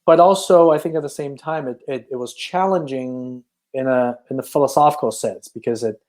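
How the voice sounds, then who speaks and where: A filmmaker from China, speaking his native Chinese, narrates his life in a relaxed podcast interview. His medium-pitched, darkish voice moves a little fast, and his reflective telling is hesitant and peppered with restarts.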